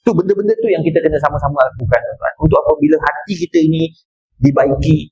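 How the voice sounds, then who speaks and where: Malaysian preacher, man, middle-aged, mosque talk, husky tone, playful and animated. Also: a little high, fast, lo-fi sound. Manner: animated, joking storyteller, acts out people. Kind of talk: mosque religious lecture.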